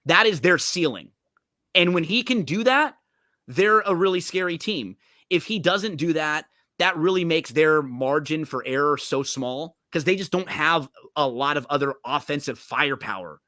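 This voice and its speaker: Bright, animated male podcast host. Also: fairly high pitch, dry recording, studio quality. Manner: animated, quick, restarts often. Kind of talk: casual sports chat.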